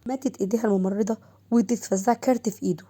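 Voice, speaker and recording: An Egyptian woman reads a scripted story at an even pace. Her voice is mellow and dark, medium in pitch. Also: racing.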